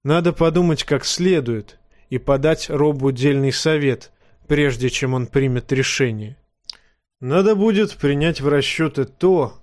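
A man's voice: fairly high pitch, dry recording, clean studio sound, lightly acted. A man doing a grave old knight mentor. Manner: measured, gently reproving.

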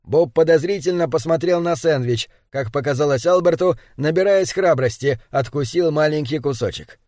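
Male narrator, steady read, slightly high voice, dry close studio sound. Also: normal speed, no echo. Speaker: audiobook narrator. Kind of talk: scripted narration.

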